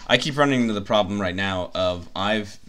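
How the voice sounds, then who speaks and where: American male co-host, low-pitched, dry deadpan humor, quick to mimic others in anecdotes. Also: a little hiss or hum. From United States. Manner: dry, deadpan storytelling with acted-out quotes, occasional swearing. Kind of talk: casual chat.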